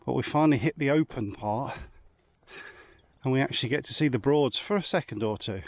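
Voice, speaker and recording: An Englishman hosts a casual travel vlog, chatting and joking to the camera while at a campsite and out on walks. His mid-range voice moves fairly quickly with no echo, and the outdoor recording carries clear background noise.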